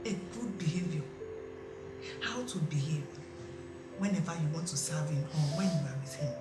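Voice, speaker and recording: Playing a shrewd older aunt, a woman first mocks her niece and then lectures her with advice, brusque and scolding. Her voice is high-pitched, animated, and fast, in a lecturing mood. The recording sounds roomy, with music in the background.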